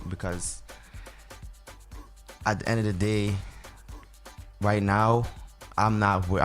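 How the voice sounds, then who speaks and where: A deep-voiced soca artist from Barbados answers interview questions in a laid-back, rambling way packed with fillers. His accent slips between Bajan and American.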